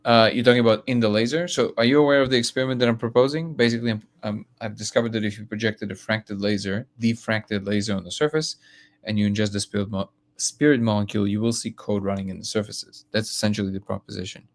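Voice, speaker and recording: A man's voice: on the low side, steady tone, fast talker. A man from Russia hosting a live stream, reading comments aloud and talking bluntly with frequent restarts.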